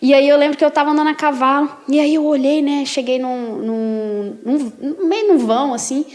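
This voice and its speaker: A young woman with a high, bright voice tells her personal story as a podcast guest. She speaks in a lively, animated way and keeps checking in with her listener through short tag questions. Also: moderate pace. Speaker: interview guest. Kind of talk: casual testimony chat.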